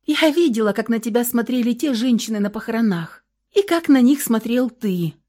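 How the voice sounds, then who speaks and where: A woman's voice: a little high, lively intonation, moderate pace, warm tone. A woman reading a frightened, pleading young wife. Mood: trembling. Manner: trembling, pleading. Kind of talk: audiobook character reading.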